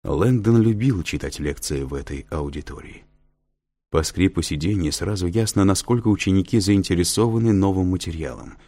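A man narrating an audiobook in an expressive storytelling manner. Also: low-pitched, normal speed.

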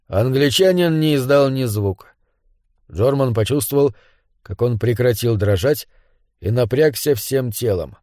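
A man reading a suspense story aloud in a measured, steady manner. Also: mid-range voice, dry recording, studio quality. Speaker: narrator. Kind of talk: audiobook narration.

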